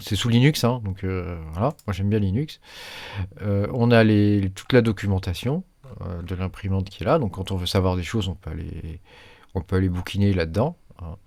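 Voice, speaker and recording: On his maker channel, a man who speaks French narrates a screen demo informally, stumbling through frequent fillers and restarts. The recording is dry, and his voice is fairly low with a dark tone.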